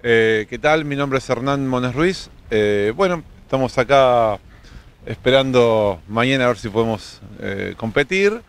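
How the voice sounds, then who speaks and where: A man's voice: mid-range voice, unhurried, a little hiss or hum. A man who organizes a sailing team, rambling and repeating words outdoors on a boat deck.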